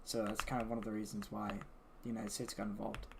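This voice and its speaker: This fairly low, creaky male voice barely moves in pitch and talks fast. He's an English-speaking streamer chatting casually with his audience while playing, thinking out loud and frequently starting over. Keyboard clicks, mouse clicks and noise can be heard behind him.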